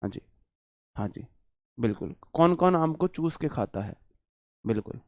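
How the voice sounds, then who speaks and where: A young man teaches English words in a loose, joking classroom manner. He repeats his lines for emphasis and throws questions at his students. His voice sits a little high and the sound is dry and close, with no room echo. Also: expressive, normal speed, darkish tone. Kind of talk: casual classroom lecture.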